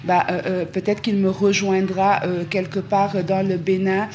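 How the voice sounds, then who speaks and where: Live on her travel vlog, a Senegalese woman addresses followers in a level, slightly mellow, middle-pitched voice, a little slow. She pauses frequently and leans on fillers and repetitions, over a faint hiss.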